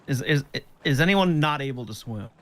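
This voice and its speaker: A man's voice: mid-range voice, animated, normal speed, a little hiss or hum. A man presiding as judge in a game role-play, playful and self-mocking as he reads out charges.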